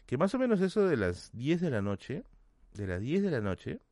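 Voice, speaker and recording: A man with a Lima Peruvian accent, a podcast host telling a self-mocking anecdote in a casual, animated way. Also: medium pitch, normal speed, no echo, clean studio sound. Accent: Peruvian Spanish, Lima.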